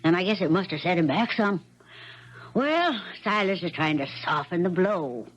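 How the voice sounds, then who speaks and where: Folksy, low-voiced old Aunt Polly. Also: female voice, expressive, normal speed. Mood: concerned, matter-of-fact. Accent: rural American. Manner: folksy, matter-of-fact. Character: plain-spoken, folksy older country aunt. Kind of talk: 1970s radio drama acting. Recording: dull vintage radio recording.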